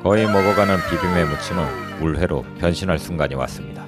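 Loud music plays behind a low-pitched man who talks fast as he hosts a food review vlog. His narration is a scripted voice-over.

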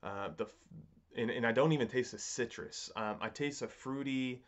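Musing man, slightly dull recording. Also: medium pitch. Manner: halting and musing, repeats and rephrases himself. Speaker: pipe tobacco reviewer. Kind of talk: casual, unscripted product review. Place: home study, indoors.

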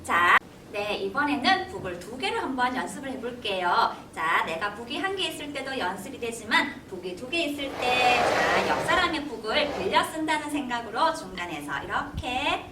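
A woman drum instructor with a high, bright voice that swings widely in pitch. She explains rhythms cheerfully and counts the beats aloud for the class. The sound is echoey and taken from some distance, with faint music behind her. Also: big pitch swings, moderate pace, noisy background. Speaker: drumming instructor. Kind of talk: online group class instruction.

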